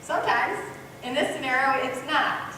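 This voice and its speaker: A woman giving a parenting workshop to a live group, animated, acting out parent and child voices. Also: high-pitched, moderate pace, far from the mic, slight background noise. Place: workshop room. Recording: echoey room recorded from afar.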